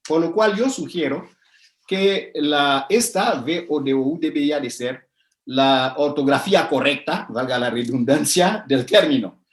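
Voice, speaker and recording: A man lecturing over slides in a fairly high voice, talking his way through ideas with frequent "eh" and restarts. The sound carries a noticeable room echo. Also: unhurried. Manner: hesitant, many fillers and restarts, explanatory. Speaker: lecturer on religion. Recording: echoey room.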